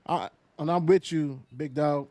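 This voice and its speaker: A man hosting a casual sports talk show, riffing in animated, slangy banter with plenty of fillers. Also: on the high side, a little slow, no room sound.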